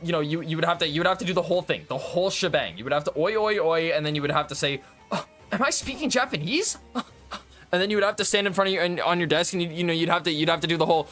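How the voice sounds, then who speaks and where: A man's voice: on the high side, rapid-fire, few pauses, a bit bright, soft background music. A man chatting casually and rambling to his viewers while streaming a game, swearing and laughing often. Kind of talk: casual gaming stream chat.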